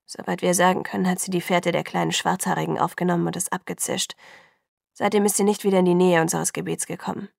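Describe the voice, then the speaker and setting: A hostile young man who barely keeps himself in check, low and gravelly, as a woman reads him in an audiobook. His words come out tense and threatening, close and dry. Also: flat delivery, fast talker, darkish tone, no room sound.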